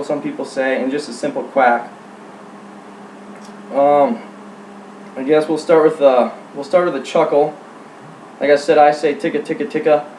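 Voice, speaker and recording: A man giving an informal how-to demonstration as a hunting instructor, speaking in a halting, plain-spoken way. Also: on the high side, darkish tone. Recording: roomy, distant mic, faint hum.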